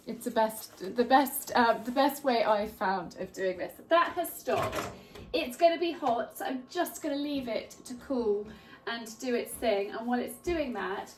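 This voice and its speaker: Bunged up from hay fever, a woman in her thirties shows a cleaning tip to camera from her home kitchen in a casual how-to chat. She's friendly and homely, dropping in chatty asides. Her voice is a little high and a little mellow, in an echoey room.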